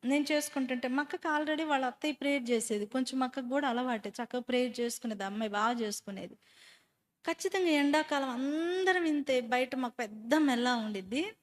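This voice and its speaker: A woman with a high, bright voice tells her faith story to a church group. She speaks as a storyteller and keeps turning to her listeners with questions. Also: fairly quick. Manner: animated storyteller who quizzes listeners. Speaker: speaker giving a personal testimony.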